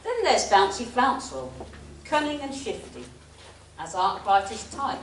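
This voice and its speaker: A woman's voice: a little high, very animated, measured pace. A woman playing a wry, grand pantomime storyteller, narrating in theatrical rhyming verse in an echoing hall. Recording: echoey hall, distant mic, faint noise.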